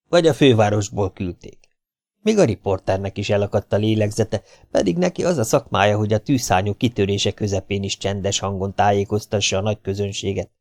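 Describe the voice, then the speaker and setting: Low-voiced male audiobook narrator, wry storytelling, dry recording. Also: a little mellow, dry recording. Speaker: audiobook reader.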